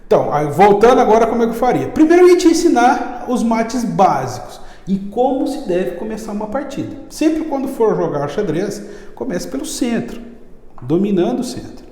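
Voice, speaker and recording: A man with a Brazilian accent, a chess teacher chatting casually in an interview and telling stories in a lively, slangy way. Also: sits high, moderate pace. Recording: echoey room with long reverb.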